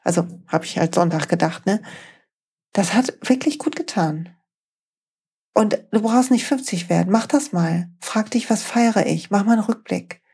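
A woman's voice: medium pitch, animated, moderate pace, mellow, husky. Female podcast host, late 40s, motivational coach, speaks to listener directly, encouraging tone.

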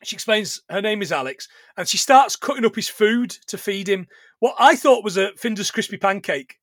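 Lively, high-pitched sweary man. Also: moderate pace, dry recording, clean studio sound. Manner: animated, sweary, laughs a lot. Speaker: podcast co-host recapping a film. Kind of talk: casual chat.

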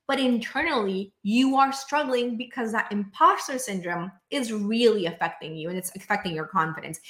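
Solo podcast host, young woman, lively and conversational, bright tone, roomy echo. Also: on the high side. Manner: energetic, conversational, acts out inner voices, often asks "right?". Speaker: podcast host and business coach.

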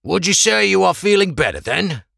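A man's voice: sits high, big pitch swings, moderate pace, creaky, bright, forceful tone, breathy edge, no room sound, studio quality, voice pushed up, heavily acted. A man voicing a scheming male merchant neighbor who speaks in odd, stilted phrases. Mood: sly.

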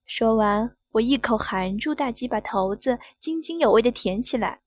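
A woman narrating a first-person adult erotic audio story in a breathy, lingering way. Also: on the high side, animated, normal speed, dry recording. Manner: breathy, lingering delivery with whispered passages. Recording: dull lo-fi audio, dry.

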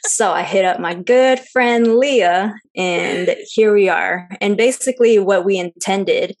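A young woman from Seattle, co-host of a travel podcast, talks unhurriedly in a mid-range, slightly mellow voice. The interview is casual chat, sprinkled with fillers and easy laughs.

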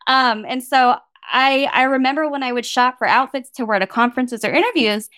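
An American woman from the San Francisco Bay Area, appearing as a guest academic, answers an interview question frankly and matter-of-factly in a conversational way. She speaks briskly in a high voice with a fairly bright, clean tone, and the recording is dry.

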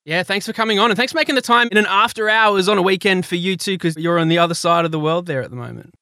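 A man's voice: high voice, quick pace, creaky, sharp tone, clean tone, dry recording, clean studio sound. A man hosting a podcast in a chatty, informal, chummy way. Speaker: podcast host.

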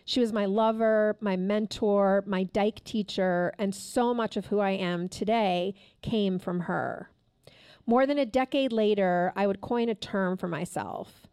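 A woman in her fifties, appearing as a guest author at a live taping during a store event, reads candidly from her memoir with measured pauses and chats casually. Her medium-pitched voice is darkish and clean, captured in clean studio sound with no room noise.

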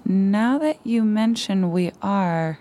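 A woman's voice: mid-range voice, takes it slowly, natural voice. An actress playing a crude, upbeat hungover young woman who swears freely. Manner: brash, profane, animated.

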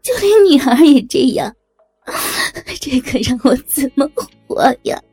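A woman's voice: high voice, expressive, a little slow, mellow, soft background music, pitched above the performer's own voice. A woman voicing an anguished middle-aged mother who wails and laments. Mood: lamenting. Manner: wailing, lamenting.

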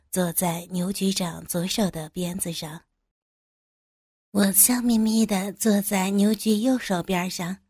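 A woman's voice: mid-range voice, mellow, husky, dry recording, studio quality. A woman narrating a first-person story as an audiobook, in a knowing, lightly mocking manner.

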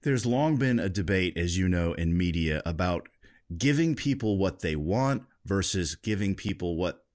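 Man, podcast host, lowish voice, conversational interview, thoughtful, restarts phrases. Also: animated, normal speed, darkish tone. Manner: thoughtful, with frequent restarts and fillers.

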